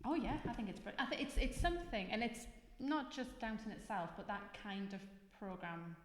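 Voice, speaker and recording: A woman podcast host in casual conversation. She talks fairly quickly at an average pitch, with strong echo from the room. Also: slight background noise. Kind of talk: casual chat. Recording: echoey, reverberant room.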